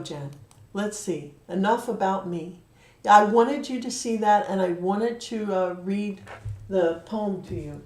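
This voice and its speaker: A woman's voice: medium pitch, darkish tone. A woman giving an angel card reading on a livestream, talking straight to a viewer in an earnest, heartfelt way. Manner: earnest, emotional, talks directly to a viewer. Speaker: card reader and medium. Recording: echoey room.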